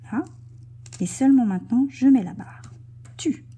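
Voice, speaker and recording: A woman teaching young children to write in cursive, slowly and gently describing each stroke as she writes and now and then dropping to a soft whisper. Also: sits high, breathy edge. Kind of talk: handwriting lesson for children.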